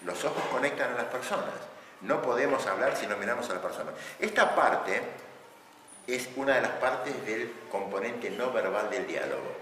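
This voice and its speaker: Brief: male lecturer, very expressive pitch, distant mic in a reverberant hall with background noise. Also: normal speed. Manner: animated, acts out shouting examples, laughs often. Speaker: lecturer on couples' communication. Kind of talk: lively classroom lecture.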